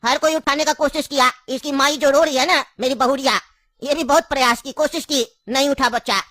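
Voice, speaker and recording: A scheming old grandfather who coaxes and insists, voiced by a woman with a high, bright tone. The sound is close and dry, and the delivery has a comic, laughing edge. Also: fairly even intonation, a little fast, no echo. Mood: recounting. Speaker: comic skit actor. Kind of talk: comedy skit acting.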